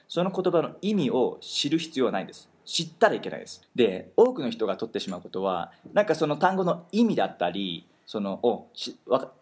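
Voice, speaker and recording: A man hosting a talk, explaining pronunciation in an animated way and slowing down on key words for emphasis. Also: medium pitch, slightly rough. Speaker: host teaching pronunciation. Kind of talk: explanatory chat.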